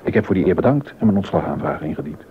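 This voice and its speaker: In a Dutch docudrama, an actor portrays a German baroque composer and court organist, proud and aggrieved, listing his complaints with wry indignation. His voice sits low, and he speaks quickly with lively intonation. The audio is dull, with noise in the background.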